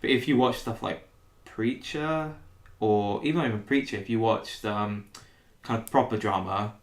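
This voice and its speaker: A man's voice: fairly low pitch, normal speed. A man with a London accent, chatting casually on a podcast and rambling through his points. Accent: London English. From England. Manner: rambling, trails off and restarts. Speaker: podcast host. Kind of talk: casual chat. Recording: echoey room, faint noise.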